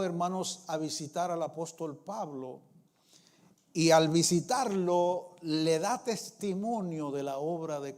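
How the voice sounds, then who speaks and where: A man's voice: fairly high pitch, darkish tone. A middle-aged male pastor preaching a sermon in a church, with emphatic rising phrases and constant asides to the congregation. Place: church sanctuary.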